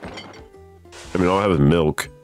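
A man's voice: deep voice, slow, a little mellow, faint music behind. A young man casually playing a horror game on stream, reading its instructions aloud, swearing and laughing nervously. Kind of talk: casual let's play commentary.

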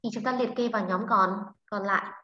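A woman's voice: medium pitch, steady tone, a little fast. A woman teacher explaining a lesson patiently, step by step, and checking often that the class understands. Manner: checks understanding with frequent tag questions. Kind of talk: online English lesson for a class. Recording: roomy, slightly dull sound.

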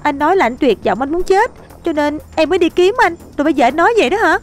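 An actress playing a panicky, stubborn young wife who stammers and whines. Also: female voice, high voice, expressive, fast, faint music behind. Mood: anxious.

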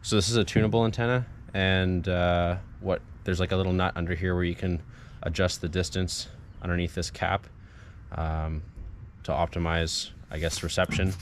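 His voice sits low, with fairly even intonation and a moderate pace. The speaker is a young adult man hosting a DIY car video, casually explaining each step while working in and beside a parked car outdoors. Clear background noise and the sounds of the vehicle fill the recording.

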